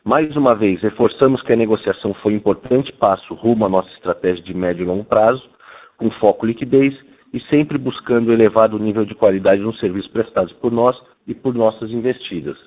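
Brazilian male finance executive, lowish voice, formal prepared presentation, phone-line sound. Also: brisk. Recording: tinny, narrow telephone line.

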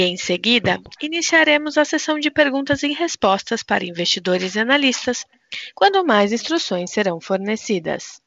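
A woman's voice: a little high, no echo. A Brazilian woman working as a conference call operator, reading a scripted announcement in a formal, polite customer service voice. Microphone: conference call line. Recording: dull, lo-fi conference call audio.

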